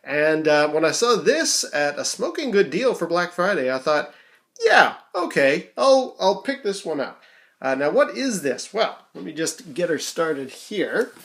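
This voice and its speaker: A YouTuber from Canada chats casually through an unboxing, rambling and hesitating while thinking aloud. The mid-range voice is sing-song at a measured pace, captured on an amateur home microphone.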